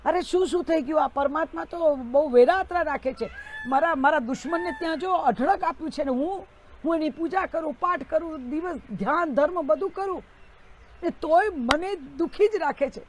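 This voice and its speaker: Woman putting on a desperate bitter guy, pitched way up, whiny and loud. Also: normal speed, slight background noise, natural voice. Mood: despairing. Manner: high, strained, complaining. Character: despairing middle-aged man bitterly railing at God.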